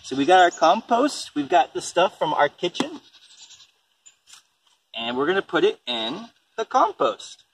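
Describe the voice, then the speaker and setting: A man with a high, very animated voice takes an unhurried pace and pauses often. As a storybook reader and parent, he keeps his explanations of composting simple and asks questions aimed at a young child. A distant microphone picks him up over faint background noise.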